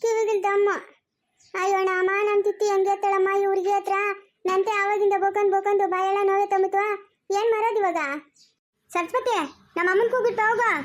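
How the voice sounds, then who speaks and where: A woman with a rural Chikkaballapur Kannada accent performs a village comedy skit. Her voice is very high, and she talks quickly in an exasperated, nagging stream of chatter.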